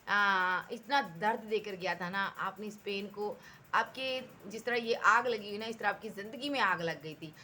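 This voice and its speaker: A woman's voice: medium pitch, pushed and bright, slight background noise. A woman giving a tarot reading, talking emphatically and repeating herself as she addresses the viewer directly. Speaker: tarot reader.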